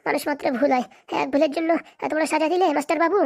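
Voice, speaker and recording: A woman's voice: high-pitched, steady tone, very fast, creaky. A woman voicing a bold, jilted young wife in a cartoon comedy who complains insistently and demands money. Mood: aggrieved.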